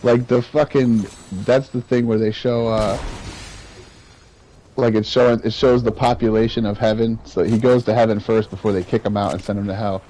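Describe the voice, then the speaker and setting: A man in casual, profane chat while gaming, rambling through stories with a relaxed delivery. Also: on the low side, normal speed, a little hiss or hum. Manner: laid-back, profane storyteller. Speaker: gamer.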